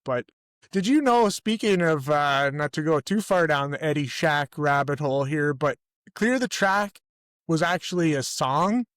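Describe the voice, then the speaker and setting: Speaking on the high side and a little slowly, a middle-aged Canadian man sounds animated and a bit bright in a dry recording. He co-hosts a casual sports podcast, rambling through anecdotes and correcting himself along the way.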